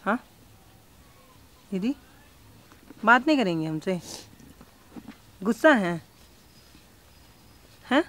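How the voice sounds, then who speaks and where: A woman's voice: mid-range voice, very animated, extremely slow, pauses often, fairly bright tone. A woman reporting on location as a field news reporter, coaxing and pleading with questions, then speaking impassioned to camera.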